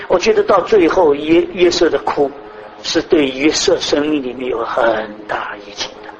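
A man preaching a sermon to a congregation, asking many rhetorical questions and swinging between raised, emphatic phrases and soft, low ones. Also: normal speed, a little hiss or hum, poor audio.

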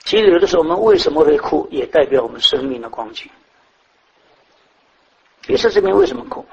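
High-voiced man preaching with rhetorical questions. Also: very animated, a little fast, gravelly, husky, dull audio. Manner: asks the congregation many rhetorical questions; swings between raised emphatic and soft low phrases. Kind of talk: sermon.

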